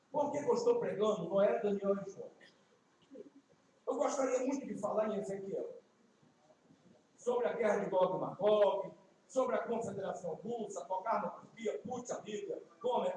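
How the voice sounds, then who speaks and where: A high-pitched, mellow-voiced man in his fifties from Ceará, with a Northeastern Brazilian accent, preaching in a church. He mixes folksy, joking asides with slow, emphatic pronouncements. The sound is very echoey and picked up from far off. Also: a little hiss or hum. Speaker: guest preacher. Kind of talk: evangelistic sermon. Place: church sanctuary. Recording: echoey distant church livestream.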